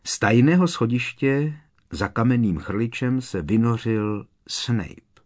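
A man's voice: medium pitch, animated, a little mellow. A man narrating an audiobook with a dramatic, varied delivery.

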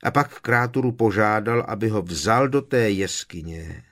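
A man voicing a frail, cowed old male house-elf who croaks and speaks of himself in the third person. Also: lowish voice, animated, fairly bright tone. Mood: fretful.

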